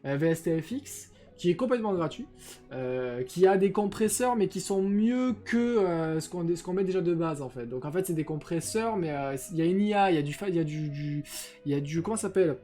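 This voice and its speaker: A young man talks fairly quickly on a live stream, his fairly high voice carrying a dark tone over soft background music. His chat is casual and rambling, packed with hesitations and crude slang, picked up by a desk mic with noise filters.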